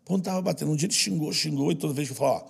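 A man with a Brazilian Portuguese accent who works with children tells personal stories as an interview guest, earnest and slangy, repeating things for stress in emotional storytelling. His voice is a little high, very fast, gravelly and slightly rough.

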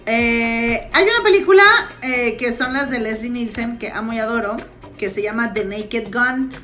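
A woman with a Mexican accent co-hosting a casual comedy chat, animated, slangy and mock-outraged. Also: a little high, normal speed, soft background music. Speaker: podcast co-host.

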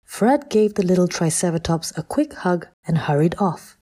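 A woman reading a children's story aloud in a calm, gentle way. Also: lowish voice, normal speed.

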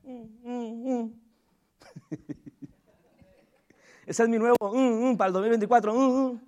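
Very high-pitched man preaching a sermon. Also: normal speed, a little mellow. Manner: calls on the congregation to repeat after him and respond; chuckles often and jokes with listeners. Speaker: pastor. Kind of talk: lively church sermon. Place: church service.

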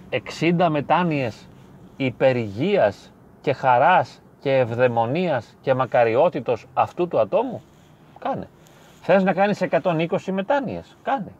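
Emphatic man with a lively, high-set voice. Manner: emphatic, repetitive, speaks straight to the listener. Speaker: psychologist giving advice. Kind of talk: direct-to-camera advice monologue. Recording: slightly dull lo-fi sound with faint street noise.

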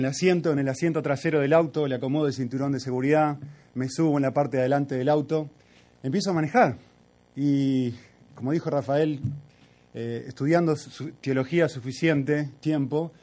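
Thirties man, relaxed storytelling preacher, mid pitch, halting pauses. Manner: conversational, reflective, with filler pauses. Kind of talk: sermon with storytelling.

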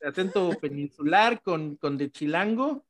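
A middle-aged man speaks with a Mexico City accent in a relaxed conversation. His voice sits fairly high, and he acts out snippets of dialogue with lively energy. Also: measured pace. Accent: Mexico City Spanish. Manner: animated, acts out quoted dialogue. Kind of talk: casual conversation.

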